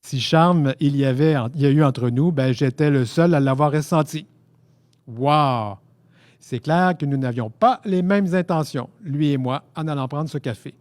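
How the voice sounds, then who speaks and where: A man from Quebec with a Québécois French accent, reading his own first-person story aloud at a book fair in a lively, self-mocking, theatrical way. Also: on the high side, moderate pace, few pauses, no echo. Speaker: author reading his novel.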